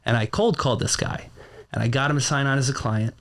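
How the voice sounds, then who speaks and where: A man speaks as a guest on a studio podcast, with a voice of ordinary pitch. He tells his stories in a plain, matter-of-fact way. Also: fast talker, a bit bright. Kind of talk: casual interview.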